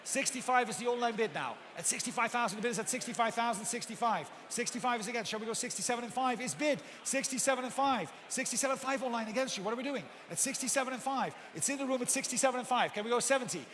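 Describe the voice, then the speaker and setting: With a very high, fairly bright voice, an auctioneer speaks fast with hardly any pauses, pushing insistent, repetitive runs of numbers as he calls live bids and politely addresses bidders. The recording comes through an echoey PA in a large auction hall with bidders present and background noise.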